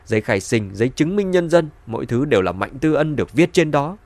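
A man's voice: medium pitch, big pitch swings, a little fast, a little mellow, no echo. A man voicing a proud, hot-tempered old patriarch who gives orders and speaks with indignation, in a dry-sounding audiobook. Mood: indignant. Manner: commanding, indignant.

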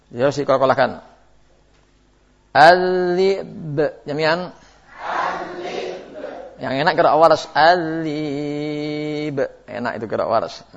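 A man teaching Quranic recitation rules, modeling sounds and repeating them to correct listeners while answering questions. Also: a little high. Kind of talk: tajwid lesson answering questions. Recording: muffled lo-fi 2000s lecture tape.

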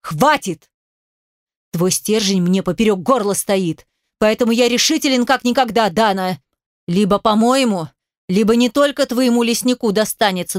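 A woman's voice: medium pitch, dry recording, studio quality, lightly acted. Woman reading as a domineering, harsh father. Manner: harsh commanding, shouts threats. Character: domineering angry aging father, middle-aged man. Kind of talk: audiobook character voice.

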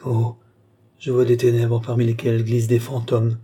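Un homme qui lit un roman fait la voix d'une jeune femme en transe, tendre et triste, en parlant plus haut et plus doucement. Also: male voice, medium pitch, monotone, normal speed, mellow, slightly rough, natural voice. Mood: entranced. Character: young woman, tender, entranced and sorrowful.

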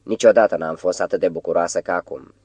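A man's voice: sits low, steady tone, a little mellow, husky, dry recording. A man voicing a devoted, fearless young woman who speaks in an ardent, reassuring way.

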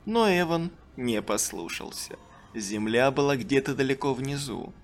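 Here a narrator with a mid-range voice and measured pace reads a children's horror tale aloud as an audiobook. When the characters speak, the delivery becomes raised and excited.

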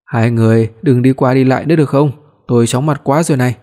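Imagine a middle-aged mother who fusses and scolds her grown son, as read by a male storyteller. She nags in a mellow, warm voice. It is a family scene in a spoken story. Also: medium pitch, fast, close to an everyday voice. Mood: scolding. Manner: scolding, fussing.

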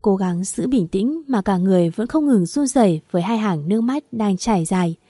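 A woman reading a first-person story aloud in an even, steady narration. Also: mid-range voice, brisk, breathy edge, no echo, studio quality.

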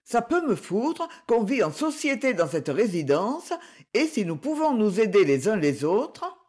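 A reader voicing a gentle, determined woman in her seventies, speaking softly and coaxingly in a slightly raised voice. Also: mid-range voice, very animated, a little slow, slightly rough, pitched above the performer's own voice. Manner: soft-spoken, coaxing.

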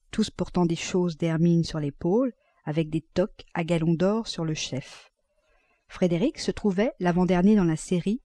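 A woman narrating a classic novel as an audiobook, reading at a measured, even pace. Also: fairly low pitch, no echo.

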